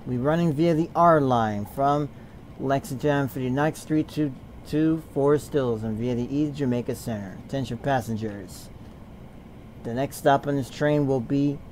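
A man making subway service announcements as a conductor speaking over a PA system. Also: a little mellow. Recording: noisy, with train rumble. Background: subway train ambience.

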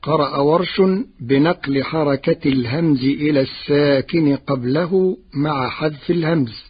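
A man giving a slow, measured formal radio lesson on recitation variants, from an archival broadcast. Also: on the high side, dull audio, a little hiss or hum. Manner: slow, measured, deliberate delivery. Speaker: radio Quran recitation teacher.

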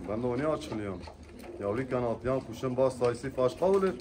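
A man's voice: medium pitch, expressive, a little fast. A man casually presenting birds at a live auction, chatting and often echoing what he is told. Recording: noisy, distant mic, cooing pigeons. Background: pigeons cooing, birds, clicks.

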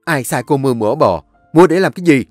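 A man's voice: fairly high pitch, very animated, a little fast, slightly rough, no room sound, soft background music, voice pushed up. A man voicing a cold, stern young master who gives curt commands. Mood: commanding.

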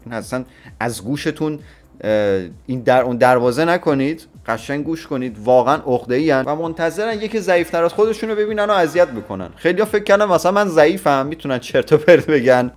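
A man in his twenties from Iran giving blunt, opinionated reaction commentary with crude slang. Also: medium pitch. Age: 20s. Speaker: YouTuber reacting to a clip.

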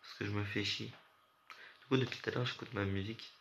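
A man's voice: on the low side, fairly even intonation, quick pace, vocal fry, a bit bright. Sleepless young man rambling to chat. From France. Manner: rambling, slangy, talks straight to chat. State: sleep-deprived. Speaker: gaming streamer chatting with viewers. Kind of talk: casual late-night stream chat. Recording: muffled lo-fi audio with faint hiss.

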